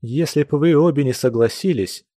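A man's voice: on the high side, moderate pace, dark tone, no room sound, clean studio sound, pitched above the performer's own voice, natural voice. A man reading an audiobook, voicing an impulsive, eager young man who pleads his case. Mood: pleading.

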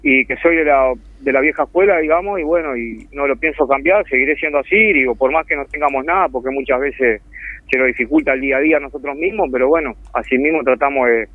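Speaking fast in a mid-range voice, a man with a Uruguayan Spanish accent rambles earnestly and at length as a phone-in guest. He's a charity volunteer, heartfelt in this casual radio interview. His telephone audio is tinny and dry, without echo.

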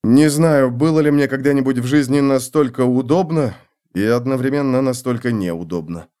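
A man's voice: medium pitch, normal speed, mellow, smooth, close to an everyday voice. A man reading the lines of a wry, somewhat uneasy male adventurer in an audiobook.

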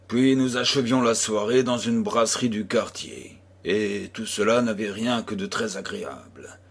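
A man narrates a classic novel aloud at an unhurried, deliberate pace. His voice sits a little low and has a husky grain. He reads steadily, with small shifts when the dialogue comes up. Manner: slow, measured reading, voicing dialogue with small shifts. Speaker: audiobook reader. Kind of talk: literary audiobook narration.

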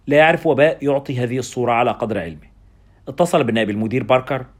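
A man's voice: medium pitch, racing. A man narrating a story in the first person with dramatic delivery. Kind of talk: audiobook narration.

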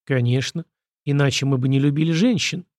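A man's voice: medium pitch, darkish tone, dry recording, clean studio sound, natural voice. A man reading the part of a witty, easygoing young prince with a wry manner. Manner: wry, quick-witted.

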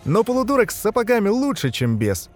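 A man voicing a reckless, cheeky young male nobleman with a playful, mocking manner, pitched high above his own voice. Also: sing-song, fast, dark tone, breathy edge, faint music behind.

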